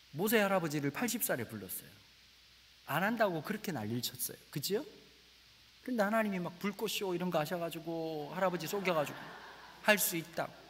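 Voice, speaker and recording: A middle-aged man preaching a lively comic sermon as a guest pastor in a large church, storytelling with playful dialect bits. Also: a little high, big-room sound, a little hiss or hum. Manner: animated storytelling, slips into rustic dialect voices for laughs; says he talks very fast.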